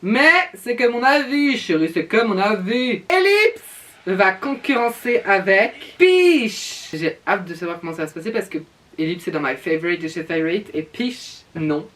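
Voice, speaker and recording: A man's voice: high voice, lively intonation, normal speed, fairly bright tone, distant mic. A man giving casual reaction commentary on fashion looks with campy, theatrical drag-queen flair, sprinkling in pet names and English slang. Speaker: reviewer giving opinions on a televised drag competition.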